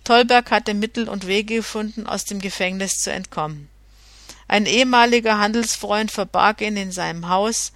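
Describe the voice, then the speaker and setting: A woman narrating a classic novel as an audiobook, steady with occasional self-corrections. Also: medium pitch, no room sound. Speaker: audiobook reader.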